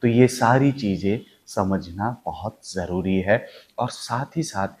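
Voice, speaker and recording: Speaking slowly in a lowish, darkish voice, an Indian-accented acting coach gives viewers an instructional talk demonstrating voice techniques. He's emphatic and uses repeated, parallel phrases.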